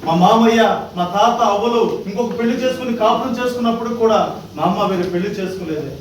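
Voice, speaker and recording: A man's voice: sits high, fast, natural voice. A man acting a devoted son in a church drama skit, declaiming with emotion, recorded from far off in an echoey, noisy hall. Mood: outraged. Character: devoted son, pleading then outraged.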